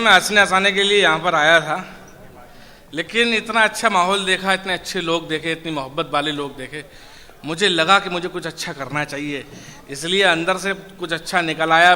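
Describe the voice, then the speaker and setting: A man's voice: on the high side, fairly quick, pushed and bright. A man performing as a comic poet, telling stories on stage and acting out the people in his jokes. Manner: chatty, acts out characters in jokes. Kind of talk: stand-up storytelling at a poetry gathering. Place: stage in a large hall. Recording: echoey hall, faint noise.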